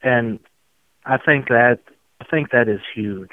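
A man from Tennessee with a slow, unflappable Southern drawl, talking reflectively as an interview guest. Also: medium pitch, no echo. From outskirts of Memphis, Tennessee. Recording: muffled narrow phone-like line.

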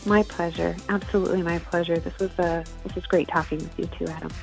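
A woman guest, a psychology professor and author, telling a personal story in an earnest, measured way with long pauses. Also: fairly low pitch, steady tone, vocal fry, faint music behind. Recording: tinny phone-like line, dry.

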